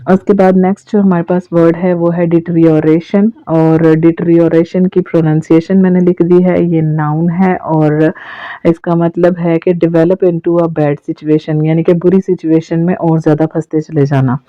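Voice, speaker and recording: A woman's voice: on the low side, level tone, a little slow, no room sound, highs cut off. A woman English teacher giving an online class, explaining step by step with frequent fillers, recorded on a phone.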